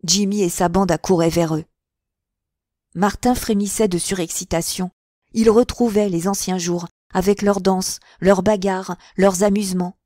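A woman reads a classic novel for an audiobook, clear, measured and expressive. Her medium-pitched voice is recorded dry on a close mic.

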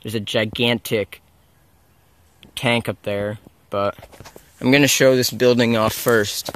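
This young man's mid-range voice is fairly bright and steady, and he takes his time speaking. Filming abandoned sites on a handheld camera, he strolls through a forest narrating casually, rambling and uncertain, with frequent self-corrections. Everything is captured outdoors on the camera's built-in mic.

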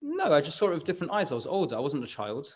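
A man's voice: fairly high pitch, huge pitch swings, racing, slightly rough. A man in his thirties, guest on an interview over a video call, talking in a rambling, chatty way with frequent restarts and laughs. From England. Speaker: bakery managing director, guest. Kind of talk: casual interview chat. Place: room at home. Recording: slightly dull video call audio.

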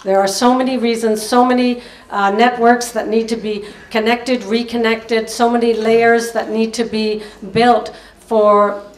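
A woman's voice: fairly high pitch, level tone, measured pace, hardly any pauses. An older woman moderating a panel on stage, speaking informally into a handheld mic and restarting her sentences as she wraps up. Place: stage of a large auditorium. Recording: echoey hall, heard from a distance.

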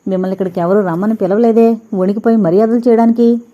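A woman voicing a defiant young woman who answers with sharp, scornful retorts, read in an audiobook with a dull, lo-fi sound. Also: mid-range voice, fairly even intonation, fast talker, natural voice. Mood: mocking. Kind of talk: audiobook character reading. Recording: dull lo-fi recording.

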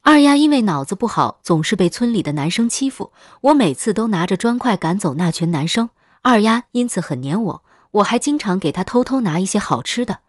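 A woman narrating a first-person horror story in a steady, matter-of-fact scripted read. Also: medium pitch, a little fast, few pauses, dry recording, clean studio sound.

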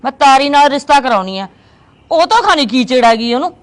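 A woman's voice: high voice, expressive, a little fast. A woman playing a middle-aged aunt who is insistent and indignant, in an amateur drama. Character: scheming aunt set on arranging a match.

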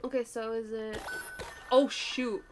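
A woman's voice: on the high side, little pitch movement, slow, slight background noise. A woman playing a co-op video game, chatting casually and laughing often. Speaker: gamer. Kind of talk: casual co-op gameplay chat.

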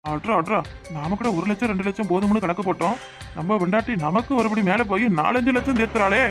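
A performer voicing a scheming, greedy young husband in a cartoon, wheedling out loud and plotting in asides, with a southern Tamil accent from Tirunelveli. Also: mid-range voice, fast talker, music in the background, close to an everyday voice. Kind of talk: cartoon voice acting.

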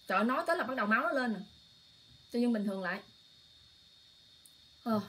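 A woman with a high voice hosts an emotional political livestream. She speaks straight to her viewers, exclaiming often. Her delivery stays impassioned and insistent. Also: animated, fast, fairly bright tone. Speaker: online livestream host.

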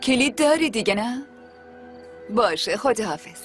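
A reassuring young daughter, as an actress voices her, gentle and high-pitched. Clear music plays beneath this dubbed drama. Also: expressive, natural voice. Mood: soothing. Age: young adult. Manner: soothing.

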